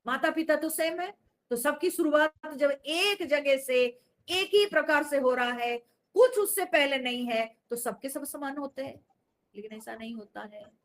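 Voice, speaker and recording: A woman's voice: high-pitched, measured pace. A woman teaching in a spiritual discourse, explaining patiently, asking rhetorical questions and dropping in English phrases.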